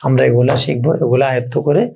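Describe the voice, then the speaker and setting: A man with a Bangladeshi accent teaching an Arabic grammar lesson, chanting conjugation tables in steady rhythmic runs and asking questions that he answers himself. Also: mid-range voice, quick pace, creaky, slightly rough. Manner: asks the class questions and answers them himself. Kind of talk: recitation-style lesson.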